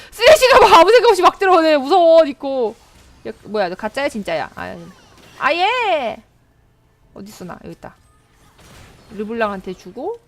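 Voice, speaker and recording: A young woman streaming a game live, chatting with her teammates, excitable, and given to shrieks and laughter when startled. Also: high-pitched. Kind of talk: live gameplay commentary.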